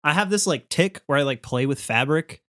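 A man's voice: fairly high pitch, animated, a little fast, bright, forceful tone. A young man co-hosting a podcast, chatting casually and rambling with slang and frequent swearing. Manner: rambling, heavy use of "like", swearing. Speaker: podcast co-host.

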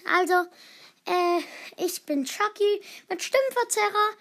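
A child putting on a killer doll figure through a voice changer, making slow, drawn-out threatening announcements. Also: very high-pitched, a bit bright, exaggerated voice. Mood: menacing. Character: Chucky, a menacing killer doll.

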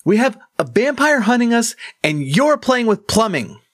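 A man's voice: extremely high pitch, very animated, moderate pace, fairly bright tone, no room sound, clean studio sound, pitched above the performer's own voice, exaggerated voice. A man voicing a stern, impatient blind male warrior in a storybook reading, speaking in a raised, pressing tone.

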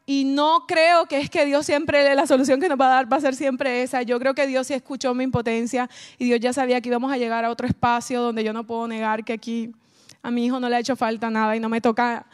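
A woman, animated as she tells a personal testimony and speaks straight to her audience. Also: fairly high pitch, quick pace, smooth. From Colombia. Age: adult, mother of a child. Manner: animated storytelling, addresses the audience directly. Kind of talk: emotional personal testimony talk.

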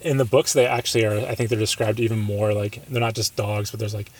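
A man co-hosting a casual podcast, chatty and quick to laugh. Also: fairly low pitch, fairly even intonation, husky. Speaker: podcast co-host. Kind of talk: casual chat.

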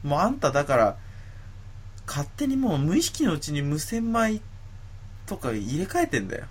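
A man's voice: fairly high pitch, big pitch swings, normal speed. A man co-hosting a casual comedy radio talk show, reading listener letters in a mock-formal tone and teasing his partner with frequent laughter.

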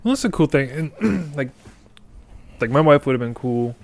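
A man's voice: mid-range voice, expressive, moderate pace, vocal fry. A young man in his late twenties chatting casually, easygoing and affirming. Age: young adult. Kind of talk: casual chat.

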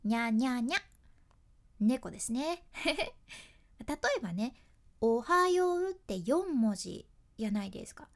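A woman's voice: fairly high pitch, sing-song, slow pace, gravelly. A woman with a Hakata accent, hosting a radio voice lesson and explaining step by step in a chatty, friendly way. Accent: Hakata dialect. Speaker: radio host and voice coach.

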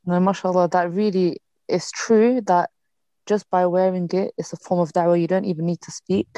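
A woman from Morocco who works as a teacher, co-hosting a podcast and telling a story in casual chat, animated and acting out the people she quotes. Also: lowish voice, normal speed, no room sound.

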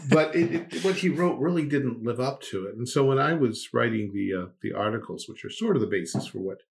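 A man co-hosting a conversational podcast, speaking at a mid pitch. He slips into dry sarcasm, laughs in the middle of his sentences and often restarts his thoughts. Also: animated, brisk, gravelly. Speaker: podcast co-host. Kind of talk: casual podcast discussion.

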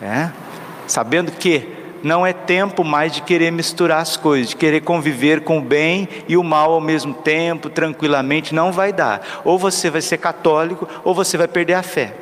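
Preaching priest in a reverberant church. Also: male voice, a little high, moderate pace, fairly bright tone. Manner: storytelling, with rhetorical questions to the congregation. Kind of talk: homily. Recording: long reverb with faint background noise.

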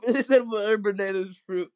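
Young man on a laggy, low-quality stream. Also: measured pace, a little mellow, dry recording. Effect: laggy low-quality stream audio. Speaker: friend on a call. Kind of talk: casual chat. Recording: distant, glitchy call audio.

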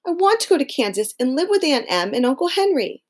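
Casting: homesick storybook girl, done by a woman, raised pitch, swooping intonation, earnest and emphatic. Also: sing-song, brisk. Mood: pleading.

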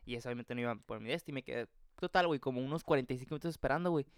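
A young man from Mexico, telling a story in casual podcast chat, animated and slangy, acting out the voices of the people in it. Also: mid-range voice, rapid-fire, clean tone, dry recording, studio quality. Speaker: podcast co-host.

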